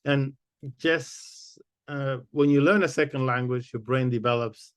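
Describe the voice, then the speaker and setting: A man's voice: medium pitch, fairly even intonation, clean tone, dry recording. Thoughtful male professor from the Dominican Republic. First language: Spanish. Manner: thoughtful, halting, many fillers and restarts. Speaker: guest, literature professor. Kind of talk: interview conversation.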